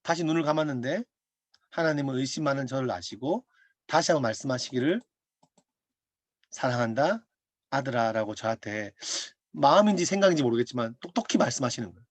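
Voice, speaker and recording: Fast-talking, lively male pastor. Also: medium pitch, dry recording. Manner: animated storytelling with laughs and acted-out quotes. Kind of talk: sermon told as a personal testimony. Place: online prayer meeting over video call.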